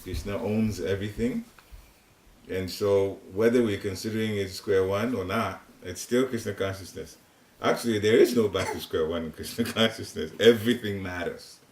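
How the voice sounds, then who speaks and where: This clip features a seated older Ghanaian man teaching a home devotional class in a living room, his Ghanaian-accented voice on the low side with a darkish tone and moderate pace. The talk is casual spiritual instruction, rambling and chatty with chuckled asides. It was recorded from afar by a room recorder, leaving a roomy feel and faint hiss.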